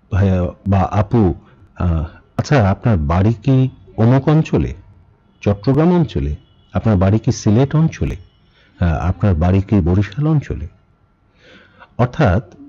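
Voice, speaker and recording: A man from Bangladesh giving a spoken lesson, measured and pausing often, asking rhetorical questions. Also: on the low side, warm tone, highs cut off. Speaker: speaking teacher. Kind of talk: spoken lesson on standard pronunciation.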